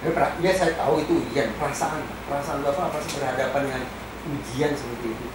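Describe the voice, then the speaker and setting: A man's voice: medium pitch, fast. A man asking questions on a talk show in a jokey, teasing way. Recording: roomy, distant mic with room noise.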